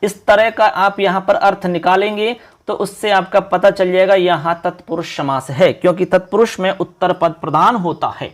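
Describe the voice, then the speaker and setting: Brief: male tutor, high voice, friendly quizzing and patient repetition for exam students. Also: steady tone, moderate pace, few pauses. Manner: addresses viewers as friends, quizzes them; repetitive explaining, Hindi mixed with English terms. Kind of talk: online exam-prep lesson.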